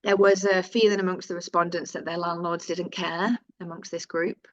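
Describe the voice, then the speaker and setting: A woman's voice: fairly low pitch, little pitch movement, moderate pace, no echo, muffled recording. A woman with a Northern English accent presenting survey findings in a webinar, reading out figures with fillers and self-corrections.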